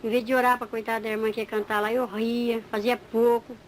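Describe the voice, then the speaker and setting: High-voiced woman giving testimony. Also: a little fast, a little hiss or hum, poor audio. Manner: animated storytelling, acting out dialogue. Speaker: church member giving testimony. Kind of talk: spoken religious testimony.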